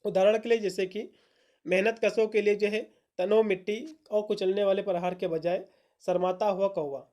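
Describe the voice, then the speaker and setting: A woman teacher explains literary terms in an exam-prep lecture, leaning on fillers and repeating herself. She reads English definitions slowly, one word at a time. Her voice is mellow and mid-pitched. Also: steady tone.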